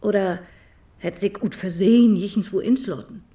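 A woman with a Low German accent acting in a radio play, asking brisk, matter-of-fact questions. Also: dark tone.

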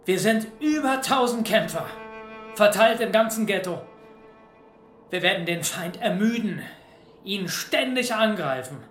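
A defiant resistance commander. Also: male voice, high voice, animated, unhurried, long pauses, fairly bright tone, roomy sound, soft background music. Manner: rousing, solemn speech. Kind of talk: audio drama acting.

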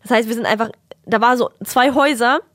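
A woman's voice: on the high side, quick pace, no room sound, clean studio sound. A young woman co-hosting a podcast, casually telling a long anecdote, acting out family members' lines and mixing in English words. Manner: animated anecdote-telling with quoted voices and English words mixed in. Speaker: podcast co-host. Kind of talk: casual chat, storytelling.

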